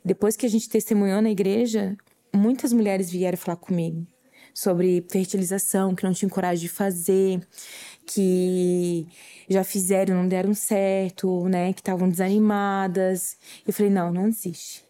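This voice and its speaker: A woman with a dark, medium-pitched voice and little pitch movement speaks at a moderate pace. As a podcast guest, she tells an emotional faith story earnestly, tearing up at times and acting out her own remarks.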